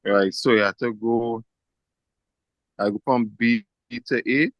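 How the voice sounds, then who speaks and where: Easygoing student on a call. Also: male voice, mid-range voice, steady tone, slow pace, no echo, muffled recording. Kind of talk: online class. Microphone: video call.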